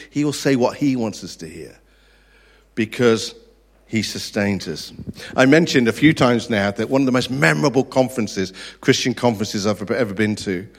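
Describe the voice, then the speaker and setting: A man, preaching a sermon earnestly, stretching out the key words. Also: medium pitch. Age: 30s. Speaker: pastor.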